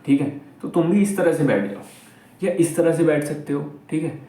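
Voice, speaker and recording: A man's voice: fairly high pitch, normal speed, mellow. A young man giving casual advice to camera, blunt and scolding, checking in constantly with short questions. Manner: blunt, scolding, repeats "theek hai?" constantly. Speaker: self-improvement video host. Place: indoors, seated while filming. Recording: roomy, echoey room.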